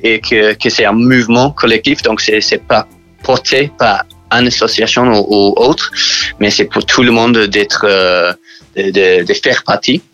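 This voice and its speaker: Guy from new zealand doing interview in french, heavy english accent, kinda halting, bright forceful voice. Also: fairly low pitch, lo-fi sound. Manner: halting, frequent hesitations and repeated words. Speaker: interview guest from a church sports outreach group. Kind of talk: interview answers.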